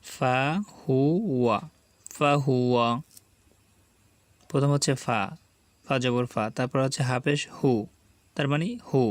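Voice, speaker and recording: A man teaching Quran reading, sounding out each syllable slowly and patiently and repeating it for learners to echo. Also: medium pitch, flat delivery. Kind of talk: slow spelling drill lesson.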